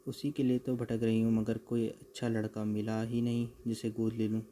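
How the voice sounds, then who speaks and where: Male narrator doing a crafty village woman in a comic cartoon, sharp and commanding, flat delivery. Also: on the low side, moderate pace, slight background noise, lightly acted. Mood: sweet-talking. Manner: bossy and scolding. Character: shrewd clever village woman, sharp-tongued trickster.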